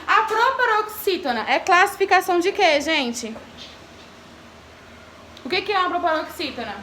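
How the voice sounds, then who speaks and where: A woman's voice: very high-pitched, lively intonation, moderate pace, bright, forceful tone, slight background noise. A woman teacher giving a grammar lesson to children, asking the class questions and calling on pupils by name. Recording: echoey classroom from far off.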